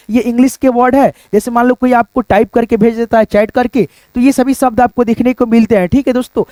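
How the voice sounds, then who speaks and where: A man's voice: sits high, a little mellow, dry recording. A man teaching a casual lesson, explaining letter by letter and often addressing listeners as friends.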